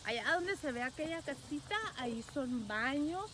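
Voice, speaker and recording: A woman's voice: high-pitched, expressive, normal speed, background noise. A woman truck driver, chatting casually with viewers on a live stream from a phone outdoors at a rest area, greeting them by name and laughing often. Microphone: phone held at arm's length.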